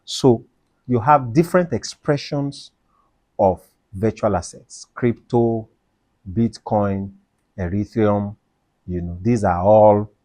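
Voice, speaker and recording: Emphatic, low-voiced man teaching. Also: dark tone, no room sound. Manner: emphatic, repeats key points, asks and answers own questions. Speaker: tax educator. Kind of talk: explainer video lecture.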